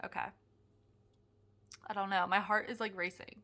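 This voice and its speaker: Bright-voiced chatty young woman. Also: mid-range voice, fast talker. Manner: chatty, excitable, lots of "like" and restarts. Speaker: product reviewer. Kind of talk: casual review vlog.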